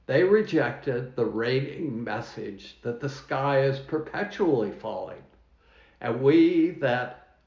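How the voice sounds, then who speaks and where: A man who is a minister, preaching a sermon in a church, telling a story in a measured way with dramatic pauses, with a New Zealand accent. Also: mid-range voice, vocal fry, a little mellow. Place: church hall. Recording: roomy, dull church recording.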